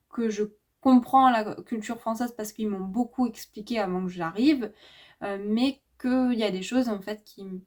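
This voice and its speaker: A woman's voice: medium pitch, a little mellow. Hesitant, reflective woman vlogger. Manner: thoughtful, hesitant, many fillers and restarts. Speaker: spirituality vlogger. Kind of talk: casual reflective monologue.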